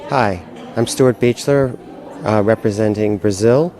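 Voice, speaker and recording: A man speaking at a conference, giving a measured interview statement and searching for words. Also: fairly low pitch, dark tone. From United States.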